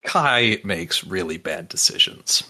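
A man's voice: low voice, lively intonation, takes it slowly, sharp tone. A man playing in a tabletop game, describing his moves hesitantly, with stammered restarts. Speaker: player. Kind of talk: casual tabletop play.

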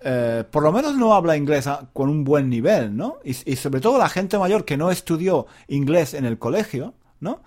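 A man's voice: a little high, big pitch swings, normal speed, few pauses, a little mellow. A man from Spain hosting a podcast alone, in a rambling, self-correcting casual monologue full of rhetorical tags and restarts. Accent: Spain Spanish. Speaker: podcast host.

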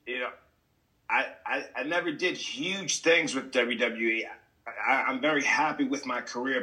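Earnest veteran wrestler with a bright voice. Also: male voice, medium pitch, poor audio. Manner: earnest, giving advice, hesitant restarts. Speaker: veteran pro wrestler guest. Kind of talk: casual interview chat.

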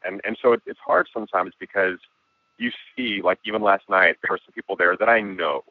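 A man with a hoarse voice, a guest musician and filmmaker talking reflectively in a casual interview. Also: sits low, a little fast, no echo. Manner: reflective, with frequent restarts and laughs. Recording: tinny phone-like line.

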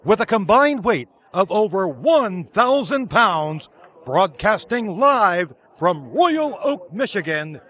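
Lively high-pitched male ring announcer. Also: slow, husky, muffled recording.

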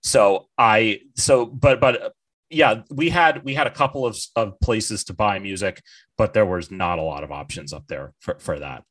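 Very deep-voiced rambling man in his thirties. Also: normal speed, fairly bright tone. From northern New Hampshire, USA. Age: 30s. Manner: rambling, repeats words, laughs easily. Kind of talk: casual podcast chat.

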